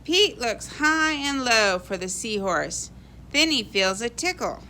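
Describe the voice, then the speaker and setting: A woman reading a children's picture book aloud in an expressive, animated way for young kids. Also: a little high, takes it slowly, a little hiss or hum. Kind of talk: expressive read-aloud storybook narration.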